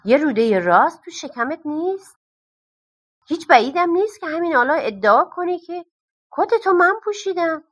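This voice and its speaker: A woman's voice: extremely high pitch, big pitch swings, fairly bright tone, lo-fi sound, pitched above the performer's own voice, exaggerated voice. A woman voicing a clever, plain-spoken peasant farmer in a storybook reading, blunt and grumbling.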